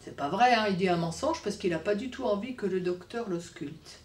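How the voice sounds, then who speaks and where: A woman's voice: mid-range voice, brisk, background noise. A woman reading a picture book aloud to young children in a playful, teasing storyteller manner, recorded with roomy echo from a distant mic.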